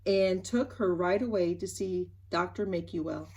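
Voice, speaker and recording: A woman reading a children's storybook aloud, gentle and expressive. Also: lowish voice, a little slow, a little hiss or hum. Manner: expressive, gentle, animated emphasis. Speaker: story reader.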